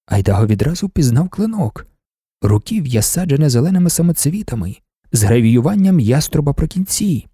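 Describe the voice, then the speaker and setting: A man reading a novel aloud as an audiobook narrator, in an expressive, dramatic manner. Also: on the high side, brisk, slightly rough, dry recording, studio quality.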